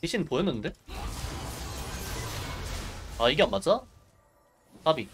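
A man commentates casually over a game on his livestream. His voice sits a little high and swings widely in pitch as he drops short exclamations and asides. Music plays behind him. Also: animated, slow pace, a bit bright.

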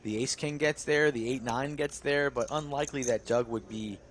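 A man's voice: mid-range voice, normal speed. A man working as a poker commentator on a live stream, narrating play with dramatic flourishes.

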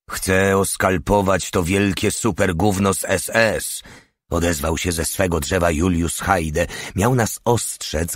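Very deep-voiced male narrator. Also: breathy edge, no room sound, clean studio sound. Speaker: audiobook reader. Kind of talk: scripted narration.

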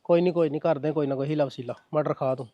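A man's voice: on the high side, fairly even intonation, racing, dry recording, lo-fi sound, natural voice. A man playing a reassuring young son. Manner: soothing, reassuring.

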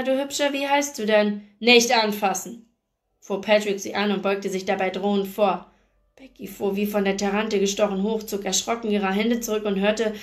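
A woman reading a novel aloud in a steady, expressive way. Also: mid-range voice. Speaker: book reader.

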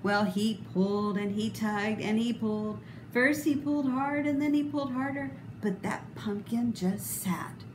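A middle-aged woman reading a children's picture book aloud expressively, with deliberate, dramatic emphasis. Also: fairly high pitch. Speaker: storybook reader. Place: indoor room, voice a little echoey. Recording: roomy echo, clear background noise.

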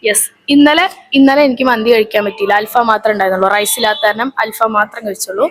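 A woman's voice: medium pitch, steady tone, fast talker, slight background noise. A woman with a Kerala Malayalam accent hosting a casual vlog, chatting directly to viewers and companions. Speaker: vlog host.

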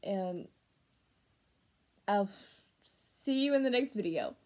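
A young adult woman giving a casual vlog update to camera, speaking haltingly and often trailing off. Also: mid-range voice, expressive, darkish tone. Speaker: vlogger. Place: small room at home, indoors.

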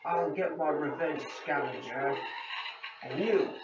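A man's voice: fairly high pitch, slow, reverberant, far from the mic, highs cut off, background noise. Kylo Ren, a man through a clangy robot voice changer. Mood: menacing. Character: menacing masked male dark villain. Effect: clangy robotic voice changer mask. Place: room at home with blinds.

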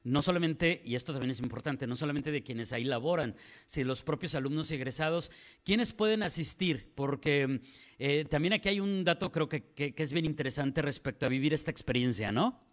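Mexican radio host asking long questions. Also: male voice, a little high, lively intonation, fairly quick. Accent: Mexican Spanish. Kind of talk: morning radio interview. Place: small radio studio. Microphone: studio mic on stand.

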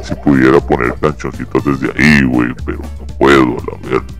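Mexican man, demonic voice filter pushing his voice ultra low, loose slangy gaming banter. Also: flat delivery, a little fast, faint music behind. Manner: slangy, swearing, joking banter. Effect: demonic voice-changer filter, very deep. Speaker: gamer. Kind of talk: casual gaming chat with a friend.

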